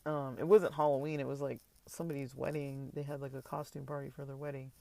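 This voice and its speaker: A man's voice: medium pitch, flat delivery, fast, vocal fry, mellow. A tired man rambling casually through a vlog update about his online store, with lots of fillers and restarts. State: tired, yawning. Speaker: online seller vlogger.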